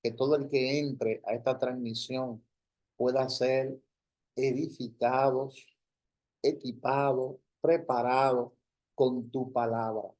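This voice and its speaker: A male pastor leading an opening prayer in a church service, in a slow, solemn manner with repeated praise phrases. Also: medium pitch, darkish tone. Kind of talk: sermon prayer.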